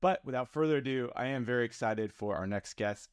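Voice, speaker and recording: A man's voice: medium pitch, fairly quick, smooth, no echo, clean studio sound. A man hosting a podcast, introducing his guest in an upbeat, friendly way. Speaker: podcast host.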